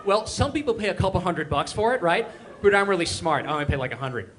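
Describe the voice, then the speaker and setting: A young man from Israel performing a stand-up set with quick, animated crowd work and mock voices, on a live stage. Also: high voice. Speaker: stand-up comedian. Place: live comedy stage before an audience. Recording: live room with faint crowd noise.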